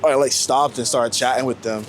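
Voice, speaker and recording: This man's medium-pitched voice stays steady at a normal speed as he chats on a walk outdoors in New York City. He's a street photographer in his late twenties, answering interview questions in a loose, slangy, reflective ramble. City street noise, with faint traffic and urban hum, runs underneath.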